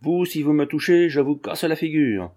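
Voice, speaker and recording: Tiny rebel boy, shrill and defiant, put on by a male reader. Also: steady tone, a little fast, a little mellow, natural voice. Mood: stubborn. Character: defiant little boy of five, fierce.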